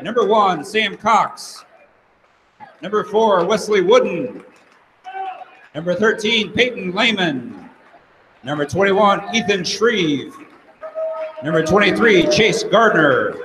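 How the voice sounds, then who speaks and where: A man announcing lineups over a gym's PA system with a measured, formal cadence. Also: sits high, background noise. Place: large high school gym. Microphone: house PA system. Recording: PA in a reverberant gym.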